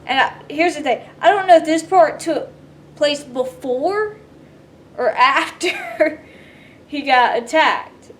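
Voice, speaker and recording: A woman's voice: high voice, big pitch swings, takes it slowly. A woman telling a rambling gaming story in a sleepy, casual way, laughing often as she goes. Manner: rambling, laughs often, quotes others in voices. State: sleepy, yawning. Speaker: gaming vlogger.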